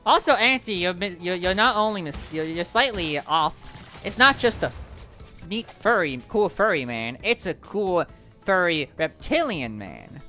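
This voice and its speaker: Chatty male streamer with a lively voice. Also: sits high, a little slow, soft background music. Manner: chatty, self-correcting, reacting to play. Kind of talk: casual gameplay commentary.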